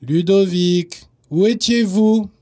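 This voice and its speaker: A man putting on a stern grandfather who scolds the children, in a children's story. The voice rides a little high and is warm with a husky edge. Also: takes it slowly. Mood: scolding. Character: grandfather, strict about mealtimes. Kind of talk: storybook narration.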